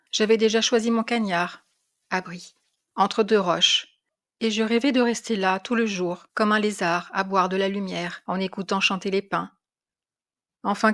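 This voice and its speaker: A woman narrating a classic French short story in a measured, expressive storytelling voice. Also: mid-range voice. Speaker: reader of literary classics.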